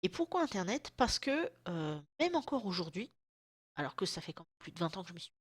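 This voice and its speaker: A woman in her thirties vlogs indoors at home, her low voice swinging widely in pitch with a breathy edge as she talks fairly quickly. She's chatty, slangy and self-mocking, with a cold-worn sore throat and occasional coughs. There's no echo.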